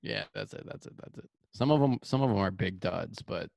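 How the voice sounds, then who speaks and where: A young man co-hosts a podcast in a laid-back, casual chat, laughing often and letting his sentences trail off. His fairly low, darkish voice is expressive and a little fast, with vocal fry, on a dry recording.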